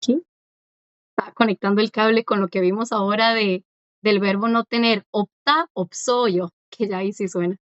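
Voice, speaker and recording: A woman's voice: medium pitch, fairly even intonation, a little fast, dry recording. A woman teaching a class, patiently explaining and repeating, often checking that the students follow along. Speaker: language teacher. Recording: dry, dull lo-fi sound.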